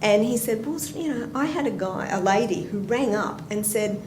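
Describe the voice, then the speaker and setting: With a medium-pitched, expressive voice and a moderate pace, an Australian woman presents at a conference. As a nurse educator, she keeps it chatty and anecdotal and asks the audience questions, all in a roomy hall with background noise.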